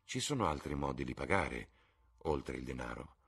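A man with a husky voice reading a serious, troubled painter who speaks gravely. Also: rumbling low, lively intonation, normal speed, fairly bright tone, heavily acted.

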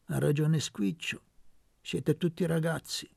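A woman's voice: low voice, steady tone, slow pace, creaky, husky, no room sound, studio quality, voice pushed up, full character voice. A man voicing a coarse older woman who runs a brothel, brusque and scolding in an audiobook reading. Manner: brusque, scolding, sharp-tongued.

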